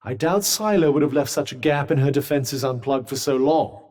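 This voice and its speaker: An actor with a British accent voicing an urbane, dry-witted, sardonic magic cuff in a video game, speaking in a formal, articulate way. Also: male voice, medium pitch, normal speed, darkish tone, close to an everyday voice. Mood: measured advising. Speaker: video game companion character. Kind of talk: scripted game dialogue.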